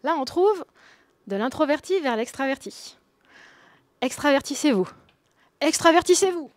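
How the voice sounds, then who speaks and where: A woman's voice: high voice, expressive, normal speed, a little mellow, dry recording. A woman in her thirties giving a conference talk, conversational, with quips and laughs for the audience. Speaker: conference speaker.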